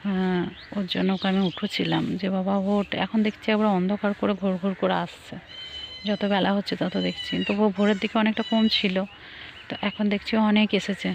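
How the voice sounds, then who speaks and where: A woman talking softly and chattily into her phone outdoors in the cold early morning, sounding chilled. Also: mid-range voice, level tone, fairly quick, creaky. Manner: soft, hushed, chatty. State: cold and shivering. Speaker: village vlogger. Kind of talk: casual vlog walkthrough. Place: outdoors in foggy fields at dawn. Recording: faint outdoor noise.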